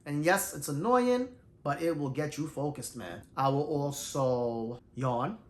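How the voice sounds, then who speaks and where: Animated man with a higher voice, roomy sound. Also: unhurried. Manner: animated, self-described shy introvert, loose and conversational. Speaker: vlogger sharing singing tips. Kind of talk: casual storytelling and teaching. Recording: roomy echo.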